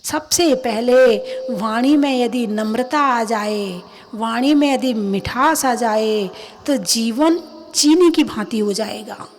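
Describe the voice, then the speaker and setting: A woman giving a religious sermon, talking conversationally and asking her listeners questions. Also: a little high. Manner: acts out everyday voices in quick asides. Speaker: Jain nun preacher. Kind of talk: religious discourse.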